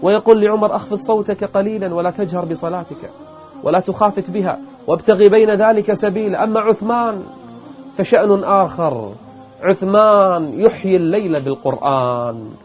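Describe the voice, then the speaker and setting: A man's voice: high voice, fairly quick, dull audio, faint music behind. A man preaching an emotional sermon, building to emphatic peaks and at times chanting scripture. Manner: impassioned, rising to emphatic peaks. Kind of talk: emotional sermon with Quranic recitation.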